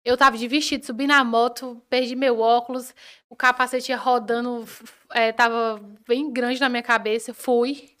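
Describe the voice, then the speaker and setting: A young woman, a podcast guest telling a personal story in a lively way and acting out what each person said. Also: fairly high pitch, normal speed, clear, resonant tone. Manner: animated, acts out the dialogue of people in her story.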